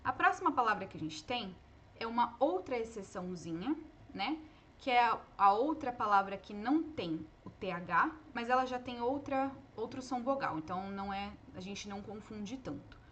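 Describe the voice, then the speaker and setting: A woman teaching English pronunciation in a live online lesson, explaining patiently and modeling each word slowly aloud. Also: a little high, animated, fairly bright tone, a little hiss or hum.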